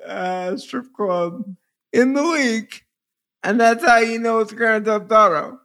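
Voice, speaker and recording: A man hosting a podcast in casual comedic chat, halting and jokey, with effortful, slightly slurred articulation. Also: high-pitched, pushed and bright. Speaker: podcast host.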